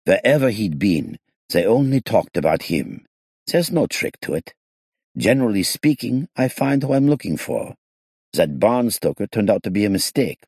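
A smug, whiny crook, as a male narrator puts him on, pitched well above the reader's own low voice. He gripes and brags with lively swings of pitch and a gravelly, husky edge. It is a storybook figure, close and dry. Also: moderate pace, no echo, heavily acted. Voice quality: whining, self-pitying. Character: smug, whiny middle-aged male criminal.

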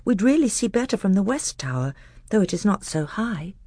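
A man voicing an excited young boy prince who talks in high, hushed, eager whispers in a storybook reading. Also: a little fast, no room sound, clean studio sound. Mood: awed, eager.

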